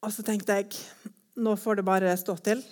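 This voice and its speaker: A woman giving a personal testimony, telling her story in a lively way and acting out her own thoughts as quotes. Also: medium pitch.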